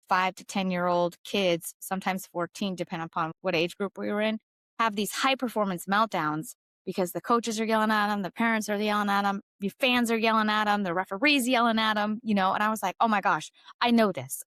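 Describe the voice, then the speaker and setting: A woman's voice: mid-range voice, steady tone, fairly quick, fairly bright tone, smooth, no room sound. Candid, emphatic woman in her forties. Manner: candid, emphatic, laughs easily. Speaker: guest. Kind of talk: conversational interview storytelling.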